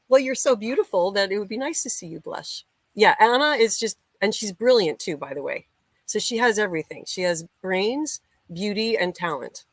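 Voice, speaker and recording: A woman's voice: mid-range voice, no echo. An American woman musician hosting a casual livestream, chatting and greeting viewers by name as she reads their comments. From United States. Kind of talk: casual live-chat hosting.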